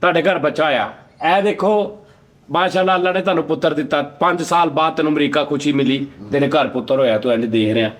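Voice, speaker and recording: A man with a Punjabi accent hosts a casual, comedic chat, speaking fast in a fairly high-pitched voice. As the talk show host, he argues his point insistently.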